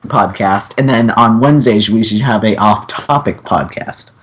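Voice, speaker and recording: A young man co-hosting a gaming podcast, eager and lively. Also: fairly low pitch, normal speed. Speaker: podcast co-host. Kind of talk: casual gaming podcast chat.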